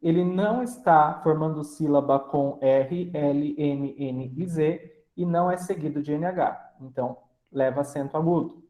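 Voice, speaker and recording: A man teaching a grammar lesson, explaining slowly and splitting words into syllables, often checking in with the class. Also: on the high side, dark tone, roomy sound. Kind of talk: grammar lecture.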